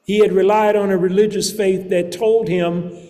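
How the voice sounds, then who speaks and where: A man preaching a sermon in a church, reading scripture and then speaking in a slow, measured way with deliberate pauses. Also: high-pitched, steady tone, mellow. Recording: long reverb of a large hall.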